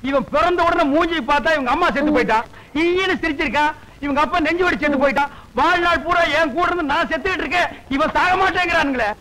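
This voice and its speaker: An actor playing a middle-aged village barber uncle in a film, ranting and mocking loudly. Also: male voice, extremely high pitch, slight background noise, low-quality recording. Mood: scolding. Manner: loud, fast, mocking comic rants. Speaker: comic uncle.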